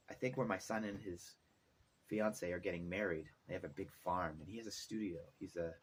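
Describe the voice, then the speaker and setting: A middle-aged vlogger and musician rambles casually, thinking aloud as he goes, in a deep, fairly bright voice. Noticeable background noise and ambience come through on the recording.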